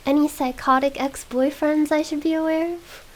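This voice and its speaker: A woman's voice: high voice, fairly even intonation, moderate pace, pitched above the performer's own voice, lightly acted, poor audio. A woman whispering the part of an earnest, wry young male prosecutor in a whispered role-play reading.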